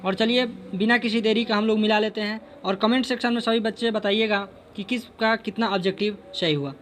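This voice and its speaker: A man's voice: high-pitched, brisk, a bit bright, a little hiss or hum. A young man, a teacher, going through an exam answer key: he reads each question and repeats the answer for emphasis.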